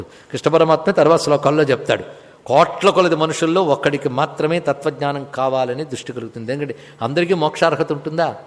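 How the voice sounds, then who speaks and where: A man giving a religious discourse, posing rhetorical questions and reciting verses. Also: on the high side. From India. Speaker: spiritual discourse speaker. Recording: long reverb of a hall.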